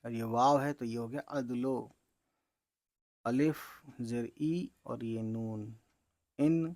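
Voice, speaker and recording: Slowly and patiently, a man teaches beginners to read Urdu, spelling out words letter by letter and speaking to viewers as friends. He has a medium-pitched voice with vocal fry, recorded without room sound.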